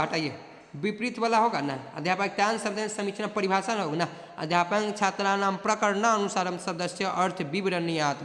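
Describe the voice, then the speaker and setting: A man teaching an exam prep lesson. He reads Sanskrit questions slowly, then explains them in quick Hindi and keeps reminding students to pay attention and remember. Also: sits high, a bit bright. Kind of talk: exam coaching lecture. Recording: echoey room with long reverb.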